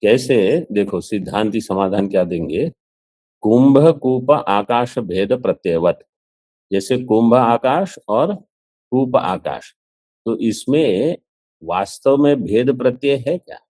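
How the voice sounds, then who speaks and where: A man teaching a scriptural commentary lesson, explaining slowly and posing questions to his students. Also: on the low side, lively intonation, warm tone, no room sound. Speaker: Vedanta teacher.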